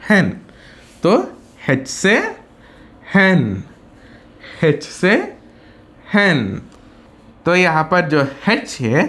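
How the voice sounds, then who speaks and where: A male phonics teacher with a Hindi accent talks slowly and patiently. His pitch rises and falls in a lively, sing-song way as he asks a question and then answers it himself. He says every example twice over. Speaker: English teacher. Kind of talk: slow step-by-step phonics lesson.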